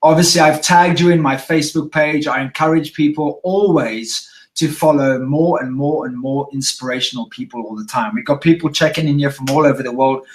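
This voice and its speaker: A man hosting a live-stream interview, talking with high energy and reading out viewer check-ins. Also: fairly quick, reverberant, recorded from a distance, rough recording. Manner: high-energy, excitable, reads out viewer comments. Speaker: interviewer, live show host.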